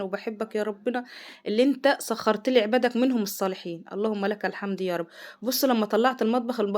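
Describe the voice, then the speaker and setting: A middle-aged Egyptian woman chatting rapidly through a home cooking vlog, exclaiming over the food. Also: medium pitch, a little mellow. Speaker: vlogger, mother. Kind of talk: casual cooking vlog chat. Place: home kitchen.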